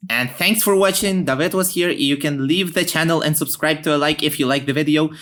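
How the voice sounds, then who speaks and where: A man's voice: on the high side, fairly quick, fairly bright tone. A man from Ukraine, narrating a history video in a casual, sarcastic, profane way and laughing at his own jokes.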